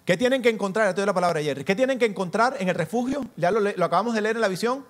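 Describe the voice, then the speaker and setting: A man preaching to a church congregation, animated, asking the listeners questions and acting out little scenes as he teaches. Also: high-pitched, racing. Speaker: pastor.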